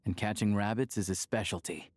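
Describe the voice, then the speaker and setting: An actor playing a steady adult male hunter in a video game, speaking calmly and practically. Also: fairly low pitch, brisk, slight background noise, close to an everyday voice. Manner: calm, practical and matter-of-fact. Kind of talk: game character dialogue.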